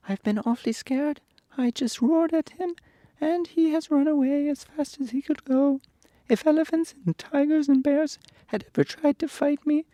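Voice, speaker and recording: A man's voice: very high voice, mellow, no room sound, pitched above the performer's own voice. A man voicing a timid, sorrowful lion confessing his cowardice in a storybook reading. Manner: mournful, confessional storybook delivery.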